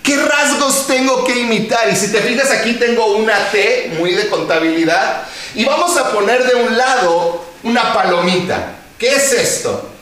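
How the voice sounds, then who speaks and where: A man preaching a sermon as pastor, emphatic, with rhetorical questions and drawn-out words. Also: high-pitched, fairly bright tone. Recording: very echoey hall.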